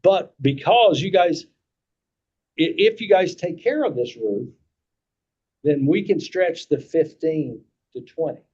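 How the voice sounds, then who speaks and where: Here the Kentucky-accented man sounds fairly high and a little mellow and husky, with lively intonation, a slow pace, and frequent pauses. He's an insurance agent presenting to a committee, folksy in manner, repeating himself and checking that people understand. The recording is dull lo-fi meeting audio.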